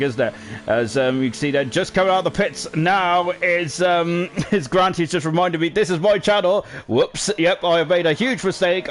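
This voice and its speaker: A man giving rambling, self-deprecating live commentary on a sim racing stream, full of fillers. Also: fairly high pitch. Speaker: race commentator.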